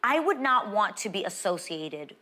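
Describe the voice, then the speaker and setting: A woman's voice: medium pitch, very animated, moderate pace, pushed and bright. An American woman, around her thirties, chatting as a co-host on a studio panel show. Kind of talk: animated panel chat.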